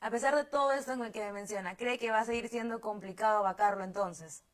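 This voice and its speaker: A woman hosting a political interview, speaking in a measured way as she reads out quotes and poses questions to her guest. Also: a little high. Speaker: host.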